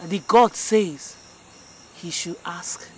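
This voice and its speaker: A man's voice: high voice, slow pace, a little hiss or hum, poor audio. A man with a Nigerian accent playing a solemn fortune teller who makes cryptic pronouncements for the gods in a village epic film. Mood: portentous. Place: inside a thatched shrine hut.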